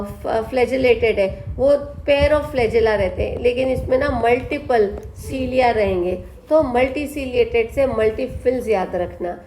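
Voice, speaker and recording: A woman teaching a biology exam-prep lesson, reading textbook lines slowly, then explaining them, asking questions and answering them herself. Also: on the high side, dark tone. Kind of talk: exam-prep lesson in mixed Hindi and English. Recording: echoey room, faint background noise.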